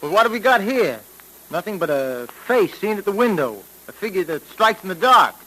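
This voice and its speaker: An actor playing a chatty, excitable male police sidekick in a 1940s radio drama, talking in a slangy way. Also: high voice, normal speed, heavily acted, low-quality recording. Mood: uneasy. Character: breezy, eager young male sidekick cop. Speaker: police partner of the detective.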